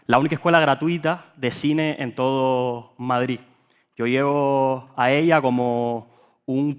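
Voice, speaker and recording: A man from Cuba with a Cuban accent, an actor talking earnestly at a panel, pausing on fillers and repeating words. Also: mid-range voice, clean tone. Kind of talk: panel talk. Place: event hall.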